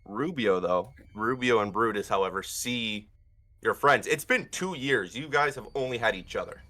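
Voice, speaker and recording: A man's voice: fairly low pitch, animated, normal speed, sharp tone. A man working as game master, improvising narration for a tabletop game.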